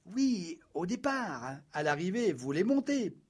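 A man's voice: high voice, big pitch swings, a little slow, darkish tone, heavily acted. A man voicing an anxious middle-aged carpenter who haggles and insists, fussy and a little stammering. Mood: insistent. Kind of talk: audiobook character voice.

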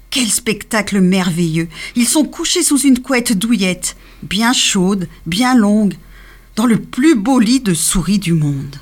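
A woman reading a children's storybook aloud in an expressive, sing-song way. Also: medium pitch.

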